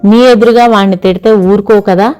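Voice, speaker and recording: A woman's voice: mid-range voice, fairly even intonation, brisk, darkish tone, clear, resonant tone, soft background music, close to an everyday voice. A woman voicing a fond middle-aged mother who fusses anxiously and affectionately over her daughter, storybook style. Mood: fussing.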